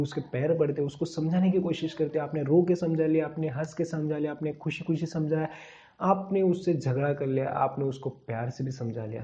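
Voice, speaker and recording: Fast-talking earnest man giving love advice. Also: a little high, warm tone, lo-fi sound. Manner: earnest, preachy, repeatedly addresses viewer as friend. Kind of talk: direct-to-camera advice talk.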